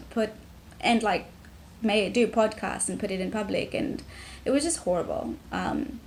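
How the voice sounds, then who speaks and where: A young woman from Tanzania, talking to camera about her family in a reflective way, with many pauses and restarts. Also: medium pitch, slight background noise. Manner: reflective, frequent ums and restarts. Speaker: vlogger. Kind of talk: personal talk to camera.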